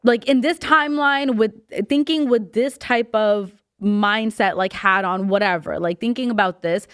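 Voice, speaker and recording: Young woman cohost, smooth voice, kinda exasperated, dry close mic. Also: medium pitch, moderate pace, dry recording. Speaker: podcast co-host. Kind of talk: casual chat. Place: studio.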